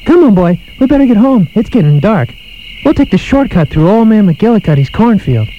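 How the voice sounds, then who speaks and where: A man's voice: high-pitched, sing-song, brisk, lo-fi sound, slight background noise. A jittery young boy. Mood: nervous. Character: nervous boy walking his dog home.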